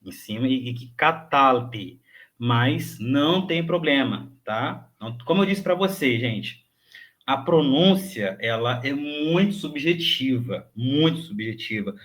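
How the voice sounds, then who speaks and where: Slow, patient man teaching. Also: mid-range voice, expressive. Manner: patient, repeats each word slowly, ends phrases with "tá?"; clears throat, thinks aloud with hesitations. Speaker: Hebrew teacher. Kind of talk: recorded online grammar lesson.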